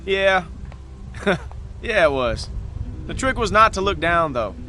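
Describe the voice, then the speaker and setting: An easygoing, higher-voiced young survivor. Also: male voice, sing-song, slow, bright, forceful tone, soft background music, heavily acted. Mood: teasing, easygoing. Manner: casual, reassuring, stammering repetitions. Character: easygoing, teasing young man, protective survivor. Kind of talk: dramatic game voice acting.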